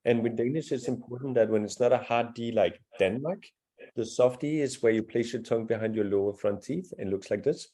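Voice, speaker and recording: A man's voice: medium pitch, brisk, warm tone. A man teaching a live beginner language class, patient and encouraging as he explains pronunciation step by step. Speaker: Danish teacher.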